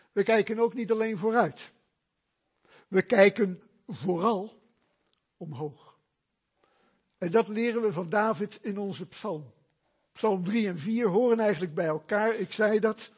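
A man preaching a sermon in a church, slow and emphatic, asking rhetorical questions. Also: high voice, darkish tone, slightly rough. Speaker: pastor.

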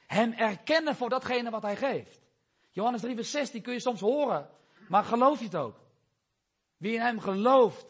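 A man with a fairly high, husky voice preaches a sermon. He talks earnestly and quotes scripture, now swelling louder, now dropping low. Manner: earnest, quotes scripture, rises and drops in volume.

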